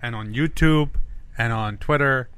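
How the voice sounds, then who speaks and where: Male host, casual banter, bright forceful tone, dry recording. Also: mid-range voice, measured pace, clean tone, no echo. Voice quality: stutters. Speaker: sports talk show host. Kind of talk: casual chat.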